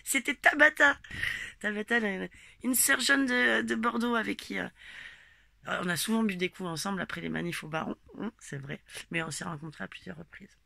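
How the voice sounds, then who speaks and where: A woman telling her listeners about a protest in a loose, rambling, animated way, swearing often and speaking to them directly. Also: mid-range voice, normal speed, vocal fry, no room sound, clean studio sound. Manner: animated, emphatic storytelling with frequent swearing. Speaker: gilet jaune protester recounting a march. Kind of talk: casual spoken personal account.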